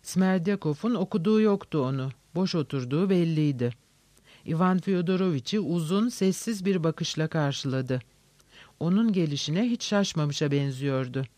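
A man narrating a novel in a steady, measured reading. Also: a little high, dry recording.

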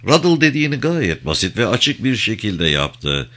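A man narrating an audiobook with an expressive reading. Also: on the low side, normal speed.

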